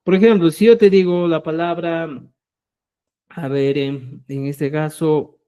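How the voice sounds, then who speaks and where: A man teaching a live online Quechua class, his voice sitting a little high for a man. He explains patiently, spelling out syllables one by one and checking in again and again to see that his listeners follow. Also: fairly even intonation, measured pace, warm tone, clear, resonant tone. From Peru.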